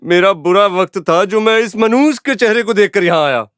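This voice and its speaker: A man dubbing a film role: a blustering stage actor posing as a prince, with loud, exaggerated outbursts. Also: high-pitched, animated, moderate pace, clear, resonant tone, no room sound, clean studio sound. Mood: bitter. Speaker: dubbed film character. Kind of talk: Hindi film dub. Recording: film soundtrack with loud music behind.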